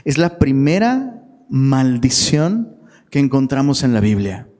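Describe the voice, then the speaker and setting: A man's voice: mid-range voice, sing-song, slow, darkish tone. A man preaching a casual sermon to a live audience as a youth pastor, slangy and chatty, often asking the crowd questions. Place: church hall. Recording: long hall reverb.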